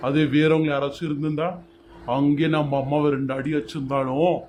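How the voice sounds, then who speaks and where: A stubborn husband, played by a man, taking his mother-in-law's side in a homemade serial drama. He talks firmly and scolds, in a slightly high voice with faint noise in the background. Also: level tone, fairly quick, a little mellow, natural voice. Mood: scolding. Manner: firm, scolding.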